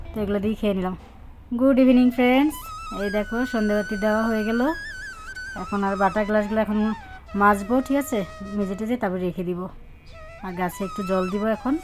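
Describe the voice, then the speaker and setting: A young woman vlogging casually, chatting to her viewers as she cooks and does housework. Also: mid-range voice. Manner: chatty, talks to viewers while doing chores; playful and laughing with her small son. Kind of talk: casual cooking and home vlog.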